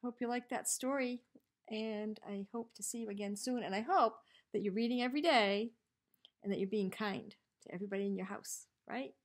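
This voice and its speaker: A woman teacher reading a rhyming picture book to children, adding chatty asides and soft whispers for her young listeners. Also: mid-range voice, fairly quick. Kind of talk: children's read-aloud.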